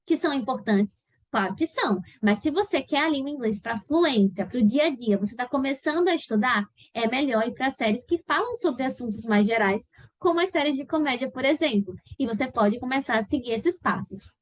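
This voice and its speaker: A woman's voice: sits high, lively intonation, a little fast, hardly any pauses, no echo. A woman with a Brazilian Portuguese accent, an English teacher explaining study steps in a video lesson and checking in with her viewers as she goes. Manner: didactic, checks in with frequent "tá?".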